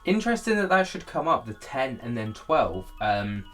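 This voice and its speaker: A man's voice: mid-range voice, sing-song, moderate pace, fairly bright tone, faint music behind. A man giving casual, candid commentary as he looks back on his own video, poking fun at himself. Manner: self-deprecating, candid.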